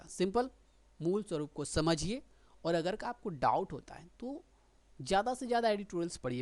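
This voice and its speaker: Woman with a lowish voice teaching steno, keeps asking if everyone gets it. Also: a little mellow. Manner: keeps checking in with listeners; explains with patient repetition. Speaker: shorthand teacher. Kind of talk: explanatory lesson.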